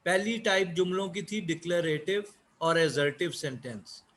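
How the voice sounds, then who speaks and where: Slow, deliberate male teacher. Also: high voice, fairly bright tone, a little hiss or hum. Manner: slow, repeats key words. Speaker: English teacher. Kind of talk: online class lecture.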